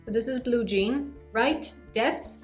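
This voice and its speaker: A woman's voice: fairly high pitch, takes it slowly. A woman from Malta with a Maltese accent, chatting expressively and emphatically as a beauty vlogger giving a tutorial. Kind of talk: chatty hair-dye tutorial vlog. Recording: music behind the voice.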